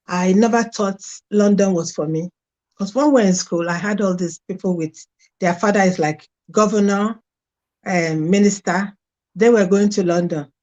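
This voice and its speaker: Her mid-range voice has a darkish tone and a normal speed. She's a middle-aged woman from Nigeria, Nigerian-accented, appearing as an interview guest and speaking frankly about her life, on a dull lo-fi recording.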